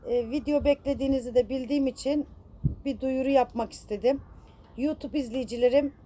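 A woman's voice: high voice, steady tone, a little fast, dark tone, slight background noise. A woman vlogger in a casual apology to her viewers, upset and self-reproaching, rambling with many fillers and affectionate toward her audience. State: distressed.

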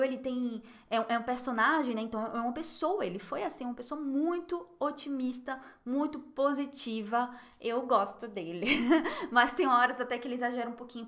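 Bright-voiced Brazilian woman teaching French. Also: a little high. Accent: Brazilian Portuguese. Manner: explains French phrases in Portuguese, models pronunciation slowly. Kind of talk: live online language lesson.

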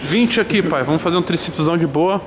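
Loud hyped São gym vlogger. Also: male voice, fairly high pitch, fast talker, background noise. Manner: loud hyped slangy, calls everyone pai. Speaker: vlogger host. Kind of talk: casual gym vlog. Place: gym at night.

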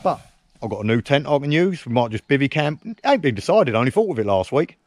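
Chatting casually to a close tripod-mounted camera at a woodland camp, an English camping vlogger ribs his mate cheekily and turns dry self-mockery on himself. His voice is medium-pitched, very animated and fast, with no echo.

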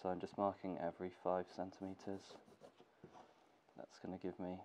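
This gear maker's voice sits low and moves at a normal speed as he teaches sewing in his workshop. He's young and has a cold that leaves him congested, and he talks casually and relaxed, thinking aloud with plenty of fillers. Dull lo-fi camera audio carries faint noise.

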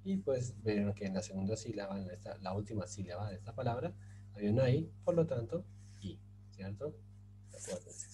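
A man with a very dark, mellow voice gives a relaxed language lesson, stopping often with fillers and little checks for understanding. A faint hum sits under the recording. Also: on the low side, a little fast, rough recording. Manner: explains patiently with many fillers and checks like ¿cierto?. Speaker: Turkish language teacher. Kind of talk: casual explanatory lesson. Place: in Turkey.

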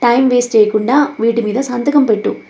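Woman reading as a possessive young villain, menacing, mellow dull recording, storybook drama. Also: very high-pitched, fairly quick, creaky. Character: scheming obsessive villainous young man, gloating.

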